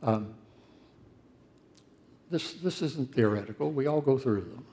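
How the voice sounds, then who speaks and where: An older man preaching a sermon in a conversational, earnest way, his voice swelling to loud, emphatic peaks. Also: mid-range voice, animated, a little slow, a little hiss or hum.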